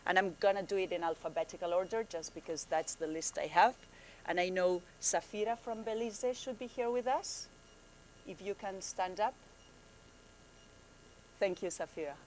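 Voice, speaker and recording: A woman program manager giving a friendly conference presentation, halting often with fillers and restarts, speaking in a conference room. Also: fairly low pitch, darkish tone, slight background noise.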